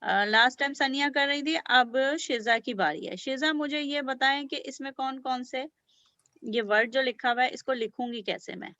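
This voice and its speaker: A woman's voice: high-pitched, normal speed, sharp tone, no room sound, muffled recording. A woman teaching beginner language to children, patiently sounding out letters and praising often. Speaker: Urdu teacher.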